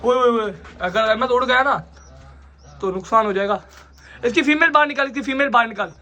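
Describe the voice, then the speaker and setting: A man's voice: very high voice, brisk, bright, forceful tone, a little hiss or hum. A young man chatting casually in a pet vlog, coaxing and scolding a child while handling birds by the cages. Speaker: pet vlogger.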